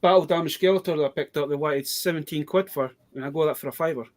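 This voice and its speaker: Speaking fast and on the high side, an adult British toy collector joins a casual live chat as a guest. He rambles through stories about the toy bargains he's found.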